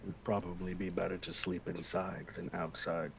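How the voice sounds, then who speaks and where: A man's voice: low voice, level tone, normal speed, creaky. A man chatting casually as a player in a tabletop game, with faint noise on the recording.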